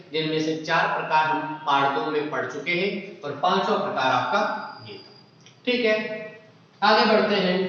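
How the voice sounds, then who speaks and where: A patient male teacher walks through an exam-prep grammar lesson in a fairly high voice. He sounds set back from the mic in a very echoey room, and the sound is dull. He checks in often to make sure the class is keeping up. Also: fairly bright tone, recorded from a distance. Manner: patient, explanatory, often says "ठीक है".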